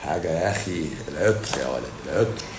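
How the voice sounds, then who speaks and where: A man's voice: low-pitched, expressive, quick pace, reverberant, noisy background. A man with an Egyptian Arabic accent, a doctor hosting a livestream who answers viewer comments in a blunt, sarcastic, scolding way.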